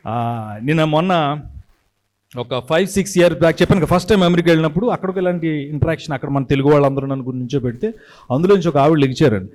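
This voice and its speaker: A middle-aged man, a TV anchor who tells stories in an animated way to a hometown audience and acts out the voices he quotes. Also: fairly high pitch. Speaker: TV anchor and creative director telling stories. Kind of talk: storytelling speech to a hometown audience.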